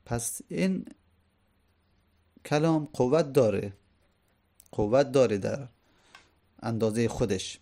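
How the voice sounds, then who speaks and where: Mellow-voiced male teacher explaining poetry. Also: mid-range voice, lively intonation, pauses often. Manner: explains line by line, rhetorical questions to students. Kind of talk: lecture explaining classical poetry.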